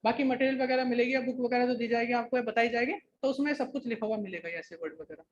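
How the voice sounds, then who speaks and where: High-voiced male teacher dictating to a class. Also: muffled recording. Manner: dictates slowly, repeating phrases, constantly checking in with students. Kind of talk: classroom grammar lecture. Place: coaching classroom.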